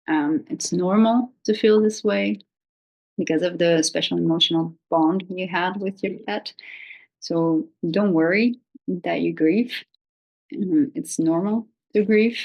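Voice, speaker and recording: Low, creaky-voiced woman, informal and halting. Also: darkish tone, rough recording. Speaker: video host giving pet-loss advice. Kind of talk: informal, unscripted talk to viewers.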